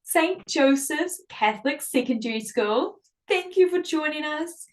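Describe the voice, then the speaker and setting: A woman's voice: high voice, lively intonation, measured pace. A woman hosting a live online classroom in an enthusiastic, welcoming, upbeat presenting style. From Samoa or New Zealand. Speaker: host.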